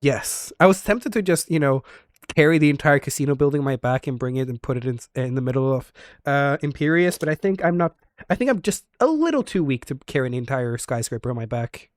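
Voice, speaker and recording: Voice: medium pitch, lively intonation, fairly quick, no echo. A streamer recounts their roleplay adventure in a loose, rambling way, full of ums and little jokes at their friends' expense. The voice sits in a middling register and is recorded close and dry on a desk mic. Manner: rambling, filler-heavy, teasing. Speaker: streamer recapping a roleplay story. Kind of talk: casual roleplay storytelling.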